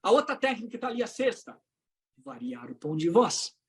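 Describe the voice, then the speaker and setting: A woman with a Brazilian Portuguese accent giving an online coaching talk for trainers, swinging between loud emphasis and hushed low phrases. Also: big pitch swings, normal speed. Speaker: trainer and motivational speaker.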